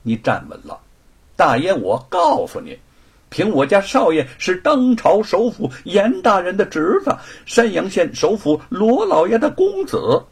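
A man voicing a swaggering young male servant who shouts and bullies, with a husky voice. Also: high-pitched, huge pitch swings, measured pace, pitched above the performer's own voice, exaggerated voice. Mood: blustering.

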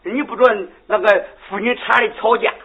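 A man playing a bawdy, boastful old peasant mother in a comic folk duet, loud and brash, repeating phrases teasingly. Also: high voice, fairly even intonation, brisk, husky. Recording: tinny lo-fi phone-like sound.

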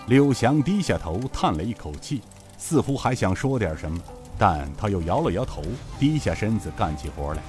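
Lively low-voiced male storyteller. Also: normal speed, faint music behind. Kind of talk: audiobook novel narration.

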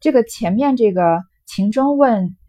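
A woman's voice: on the high side, animated, a little slow, warm tone, no echo. A woman reading passages of a classic novel aloud and explaining them in a conversational way, with fillers and asides. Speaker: reader and commentator on a classic novel.

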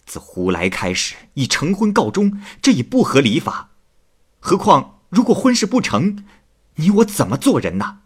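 A man's voice: fairly high pitch, huge pitch swings, normal speed, darkish tone, breathy edge, voice pushed up, exaggerated voice. A man doing a stern, upright young scholar. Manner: earnest lecturing.

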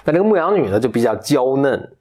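A man retells a fairy tale off the cuff, in a relaxed, chatty way. His voice sits at an ordinary mid pitch, and he talks in loose, conversational phrases. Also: fast talker. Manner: chatty, with frequent fillers and restarts. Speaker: storyteller.

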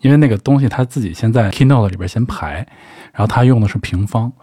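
Slightly husky male podcast host. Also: fairly low pitch, fast talker, warm tone, dry recording, studio quality. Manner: curious, asks questions, tells anecdotes. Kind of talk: casual podcast conversation.

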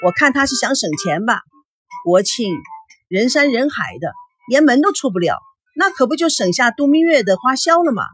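女声演的活泼的年轻美容师. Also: female voice, sits high, sing-song, normal speed, fairly bright tone, soft background music, pitched above the performer's own voice. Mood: playful. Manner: laughing, eager. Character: playful young female beautician.

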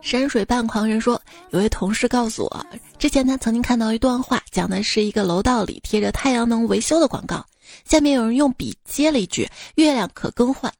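A woman's voice: fairly high pitch, a little fast, gravelly, darkish tone. A young woman hosting a show, reading listener jokes aloud in a teasing, chatty way and laughing at her own punchlines. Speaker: radio-style host reading listener jokes. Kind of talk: playful joke-reading monologue.

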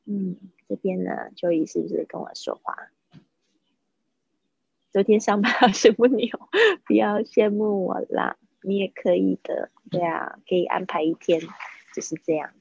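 A woman teaching English vocabulary to Chinese speakers in a chatty livestream, repeating words slowly to model how they sound. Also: mid-range voice, vocal fry, darkish tone, breathy edge, dry recording, muffled recording.

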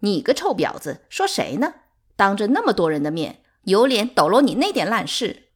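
A woman voicing a spiteful, sharp-tongued concubine who shouts insults in an audiobook. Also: medium pitch, sing-song, normal speed. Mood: furious shouting. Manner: loud, harsh, scornful.

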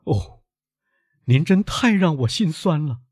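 An earnest young sailor son, as a man reads him, speaks in a high, husky, pleading voice that leaps about in pitch. He is eager and devoted, pressing every line with emphasis in an audiobook reading. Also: wildly swooping pitch, moderate pace, a little mellow, no echo, studio quality, exaggerated voice. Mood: anguished.

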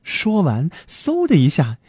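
Man, children's storyteller, very lively pitch, mellow, husky, dry close recording. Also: measured pace, no room sound. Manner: lively, warm storyteller's delivery.

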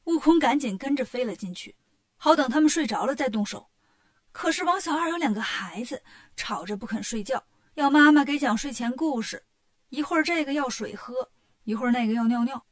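A woman narrating a children's story in a lively, colloquial storytelling manner. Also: high voice, brisk.

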